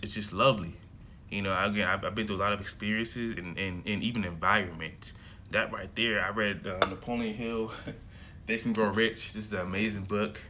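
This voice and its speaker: This young adult American man, early twenties, vlogs about self-development in a meandering, filler-heavy monologue to camera with frequent restarts. His voice sits low yet sounds bright and forceful, and the recording carries a little hiss or hum.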